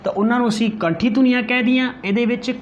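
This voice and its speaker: A male teacher giving an exam-prep grammar lesson, repeating key terms, slowly sounding out example letters and answering his own questions. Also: very high-pitched, steady tone, dull audio, a little hiss or hum.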